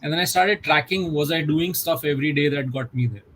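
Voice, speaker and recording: A middle-aged man, a guest in a conversational interview, speaking in a reflective, measured way with many "you know" fillers over a video call. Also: fairly high pitch, fairly bright tone, a little hiss or hum, low-quality recording.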